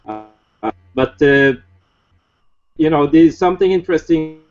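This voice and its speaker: A man in his forties from Iraq, speaking English, giving an earnest, measured lecture as a guest speaker. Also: on the high side, muffled recording, soft background music. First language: Arabic. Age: 40s. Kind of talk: lecture-style political presentation.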